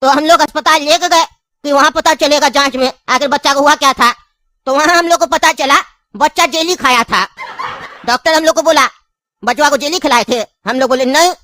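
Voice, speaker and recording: A woman's voice: high voice, a little fast, sharp tone, no room sound, clean studio sound. A woman voicing a pushy, scheming old grandfather in a cartoon, with a coaxing, chuckling manner. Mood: storytelling. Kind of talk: cartoon voice acting.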